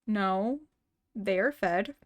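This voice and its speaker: A woman streamer with a medium-pitched voice draws out her words as she chats casually on a livestream, reading a story and messages from chat. She often stutters and restarts words and laughs from time to time. The recording is dry.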